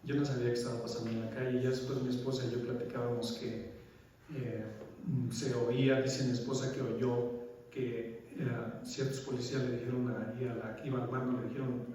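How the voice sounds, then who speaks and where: A man's voice: mid-range voice, flat delivery, warm tone. A man with a Mexican Spanish accent tells his testimony in church, stumbling over words and then pressing into a preacher's emphasis. He sounds distant from the mic, with a long hall reverb around his voice. A faint murmur of room noise sits underneath. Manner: emotional, halting, repeats words, rises to preaching emphasis. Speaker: guest giving a testimony in church. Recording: echoey church hall from far off.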